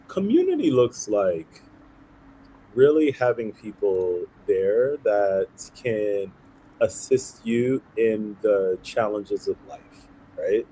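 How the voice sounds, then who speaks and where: Earnest low-voiced man, mellow tone. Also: slight background noise, rough recording. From Haiti, raised in Brooklyn. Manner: earnest, often asks "right?" as he explains. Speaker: guest, nonprofit founder. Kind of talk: conversational interview.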